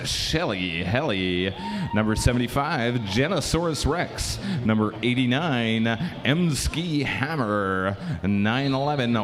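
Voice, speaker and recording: A man calling a junior roller derby game as play-by-play commentator, talking quickly with lots of "uh" fillers. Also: mid-range voice. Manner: fast, filler-heavy, self-described caffeinated. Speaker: sports commentator.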